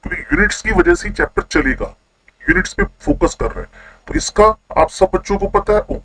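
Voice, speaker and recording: A man teaching a chemistry class online, constantly quizzing his students with quick questions. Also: high-pitched, huge pitch swings, a bit bright, low-quality recording.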